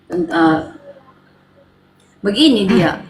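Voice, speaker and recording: A woman's voice: mid-range voice, expressive, extremely slow, echoey room, slight background noise. A woman arguing in a heated online debate, defiant and talking over the other speaker. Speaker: church leader in debate.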